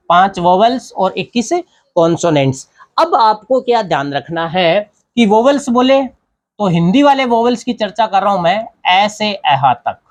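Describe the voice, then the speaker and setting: Male grammar teacher, explaining step by step, repeating himself and checking in with the class. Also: sits high. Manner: explains step by step, repeats key points, often asks "theek hai na". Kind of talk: classroom-style grammar lesson.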